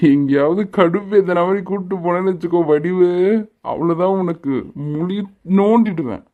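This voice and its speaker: A woman's voice: fairly low pitch, normal speed, phone-quality sound, lightly acted. A woman voicing a teasing, lovestruck young man in a cartoon, coaxing and playfully bossy. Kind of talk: cartoon voice acting.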